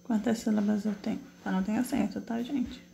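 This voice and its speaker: A woman's voice: mid-range voice, fairly even intonation, gravelly, warm tone, slight background noise. A woman teacher, patiently correcting exercises in an online class, asking questions and answering them herself step by step. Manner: slow, drawn-out syllable spelling while typing.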